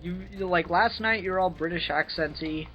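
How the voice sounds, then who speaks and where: A man's voice: high voice, moderate pace, highs cut off, soft background music. A young adult man hosting a let's play, giving casual, chatty gaming commentary.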